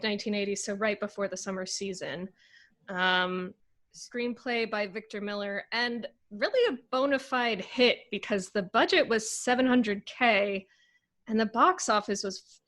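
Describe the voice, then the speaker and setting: Podcast co-host, young woman, chatty and laughing, slightly high voice. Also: fairly bright tone. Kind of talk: casual chat.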